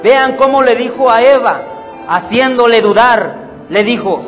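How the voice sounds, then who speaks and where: A man preaching a sermon, emphatic and deliberate, calling his listeners brothers. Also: very high-pitched, fairly bright tone. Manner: slow, emphatic preaching, addressing the congregation as brothers. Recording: reverberant hall with faint music.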